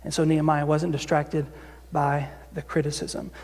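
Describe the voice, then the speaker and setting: A man with a high-pitched voice preaches to his congregation in a casual, conversational way, often circling back and restarting his phrases. His voice rings out through the long reverb of a church sanctuary. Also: flat delivery, moderate pace, darkish tone. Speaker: senior pastor. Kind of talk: sermon.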